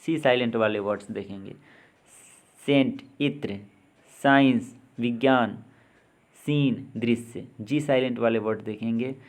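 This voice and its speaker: A man's voice: medium pitch, measured pace. A man with an Indian accent teaching an English lesson, spelling words letter by letter and giving their meanings. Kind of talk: slow spoken lesson.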